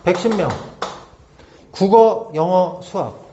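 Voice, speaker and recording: Male math teacher, slightly high voice, patient walkthrough with frequent check-ins; roomy, dull recording. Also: dark tone, slight background noise. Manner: talks through steps slowly, checking in with tag questions. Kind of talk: whiteboard lesson walkthrough.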